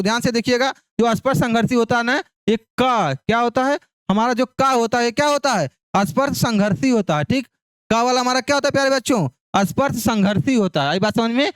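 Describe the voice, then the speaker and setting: High-voiced man drilling Hindi syllables. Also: brisk, fairly bright tone, clean tone, no echo, clean studio sound. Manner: repetitive call-and-response drilling of syllables. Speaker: teacher. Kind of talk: exam-prep phonetics lesson.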